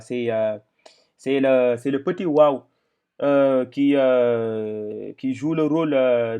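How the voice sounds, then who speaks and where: Slow, patient male reading teacher. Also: medium pitch, warm tone. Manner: patient, repeats syllables aloud slowly with many hesitations. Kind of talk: slow step-by-step lesson.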